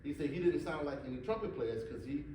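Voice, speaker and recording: A man leading a drum masterclass at a conference, animated and repeating words for emphasis. His voice sounds distant and roomy, with reverb from the hall. A faint murmur of room ambience sits behind it. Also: fairly high pitch, fast, a little hiss or hum. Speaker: drum clinician. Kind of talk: masterclass talk with storytelling. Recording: echoey hall, mic far off.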